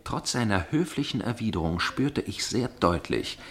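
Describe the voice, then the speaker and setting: A suspicious, intrigued gentleman narrates and speaks dialogue in a German radio play, his voice low with lively intonation. Formal and measured, he probes like an inquisitive dinner guest with a searching temper.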